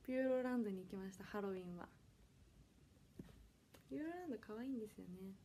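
Chatting on her own livestream from home, this idol-audition hopeful from Kanagawa, Japan, aged twenty, reads out viewers' comments and says sorry a lot, always polite. Her medium-pitched voice is warm, animated and quick.

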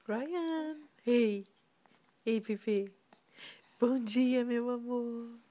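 A woman's voice: on the high side, steady tone, very slow, dark tone. A mother cooing in sing-song baby talk to her infant while filming on a phone camera.

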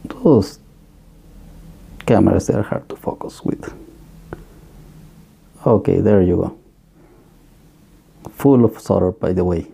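Here an electronics workshop host, low-voiced, gravelly and dark, casually demonstrates his equipment in an indoor workbench room. He halts a lot, restarting and using plenty of fillers while giving plain advice.

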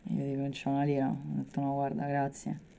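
Gravelly, subdued young Roman woman, played by an actress. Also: extremely low pitch, monotone, dark tone. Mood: subdued, reminiscing. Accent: Roman Italian. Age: young adult. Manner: subdued, halting, colloquial. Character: subdued working-class Roman woman recounting a childhood trauma. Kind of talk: dramatic monologue, conversational and confessional.

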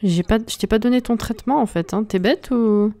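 A woman's voice: a little high, fairly quick, dark tone. A woman hosting a let's play from home into a desk mic, giving casual, exasperated commentary and talking to the game characters.

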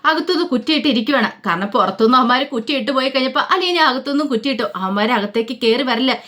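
This is a woman narrating a family drama in a relaxed, spoken way. Her voice sits fairly high, and she slips into each character's lines without changing much. The telling feels informal and conversational. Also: fast talker. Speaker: storyteller. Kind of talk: casual spoken story narration.

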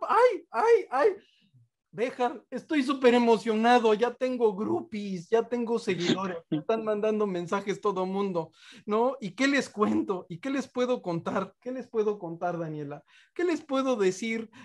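A man with a Mexican Spanish accent, hosting a comic game-show style program with theatrical, joking patter. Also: sits high. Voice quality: playful and theatrical, with joking asides. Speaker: show host.

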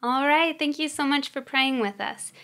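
A woman with a slightly high voice hosts a prayer podcast. She reads a scripted prayer slowly and carefully, in a prayerful tone. Soft guitar plays underneath her. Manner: slow, measured, prayerful. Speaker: podcast host leading prayer.

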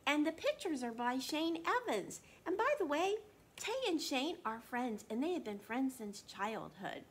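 Reading to children at storytime, this woman in her sixties works as a children's librarian and brings plenty of expression, pausing to pose questions to her young listeners. Her voice sits a little high, and there's slight background noise in the small indoor room.

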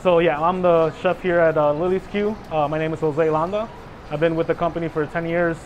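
A man's voice: a little high, flat delivery, brisk, lo-fi sound. Man, 30s, chef, casual kitchen talk, easygoing, faint background noise. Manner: easygoing, many fillers. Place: restaurant kitchen, indoors.

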